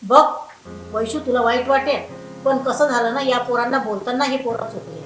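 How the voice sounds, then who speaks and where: Woman acting calming middle-aged mother, echoey room, off-mic. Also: a little high, moderate pace, far from the mic, faint music behind, lightly acted. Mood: placating. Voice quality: placating. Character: soothing middle-aged mother, trying to calm everyone. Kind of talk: web series acting.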